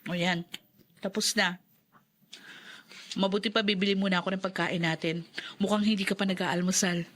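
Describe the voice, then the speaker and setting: An actress playing a caring, insistent friend who coaxes and fusses, in old radio show acting. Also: female voice, medium pitch, steady tone, moderate pace, pauses often, fairly bright tone, natural voice. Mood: concerned, coaxing. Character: caring, insistent female friend tending the injured. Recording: noisy background ambience.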